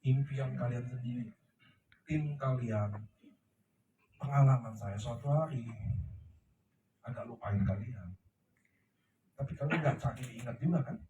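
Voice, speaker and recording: A man's voice: mid-range voice, a little slow, long pauses, mellow, distant mic, slight background noise. A middle-aged man giving an emphatic, preachy motivational talk to a seated audience, often checking that they understand. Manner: emphatic, preachy, asks the crowd "ngerti ya?". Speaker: company leader speaking to his team. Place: large room before a seated audience. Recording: echoey room, voice off-mic.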